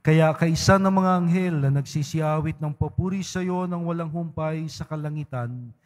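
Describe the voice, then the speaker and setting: Male priest, solemn measured recitation, higher voice, reverberant church. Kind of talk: leading mass prayers. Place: large church.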